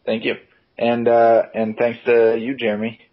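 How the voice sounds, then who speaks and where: A man's voice: mid-range voice, completely flat delivery, normal speed, dull audio. A man hosting a casual podcast chat, thanking guests and signing off in an upbeat, jokey way. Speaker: podcast host.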